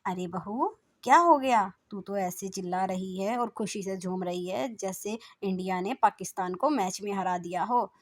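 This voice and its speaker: A woman's voice: mid-range voice, moderate pace, few pauses, darkish tone, natural voice. A woman doing a bossy older mother-in-law. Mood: teasing. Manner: commanding, scolding.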